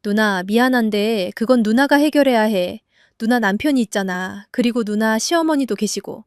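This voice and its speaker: A woman voicing an earnest young husband who pleads but stands firm, in a lowered voice. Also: normal speed, darkish tone, no echo, clean studio sound, lightly acted.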